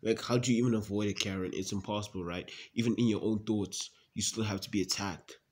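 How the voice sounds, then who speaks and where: A man's voice: fairly low pitch, steady tone, fast talker, a little mellow, slightly rough. A man playing a self-absorbed young brother in a comedy sketch, rambling defensively with many fillers.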